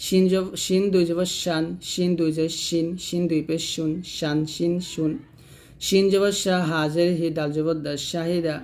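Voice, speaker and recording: A man teaching Quran reading, chanting letter and vowel drills in a steady rhythm. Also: a little high, moderate pace. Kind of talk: spelling-drill lesson.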